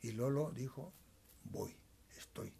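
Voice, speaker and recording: A man's voice: mid-range voice, vocal fry, mellow, a little hiss or hum. An older man, recalling old times as an interview guest in a small cluttered room, speaking into a handheld mic. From Peru. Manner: measured, storytelling, tags remarks with asides. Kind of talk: reminiscing interview. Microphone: handheld wired mic held by interviewer.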